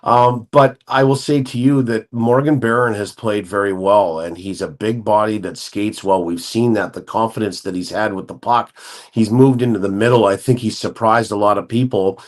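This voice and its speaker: A man with a lowish, steady voice appears as a guest hockey analyst in radio-style hockey talk. He walks through the game carefully and analytically, with frequent self-corrections.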